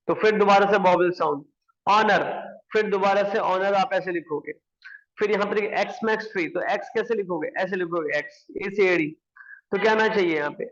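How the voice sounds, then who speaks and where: A man's voice: high-pitched, a bit bright, muffled recording. A man teaching English grammar, explaining step by step and answering his own questions. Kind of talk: classroom explanation.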